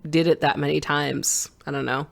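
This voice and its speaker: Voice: medium pitch, level tone, moderate pace, vocal fry. Casual podcast co-host, joking and laughing. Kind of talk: casual chat.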